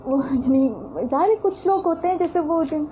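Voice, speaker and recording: A woman's voice: very high-pitched, warm tone, a little hiss or hum, low-quality recording. A woman from Pakistan giving a religious lecture as a teacher, telling a personal story in an earnest way and speaking straight to her listeners.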